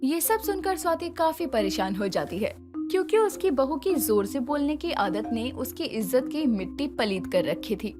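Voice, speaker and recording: A woman narrating a moral story in a scripted, expressive way. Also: high-pitched, normal speed. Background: background music.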